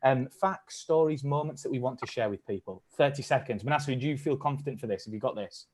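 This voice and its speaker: A man with a medium-pitched, somewhat dark voice speaks quickly over slight background noise. He's the leader of a live-streamed online acting workshop, coaching participants in an upbeat, encouraging way.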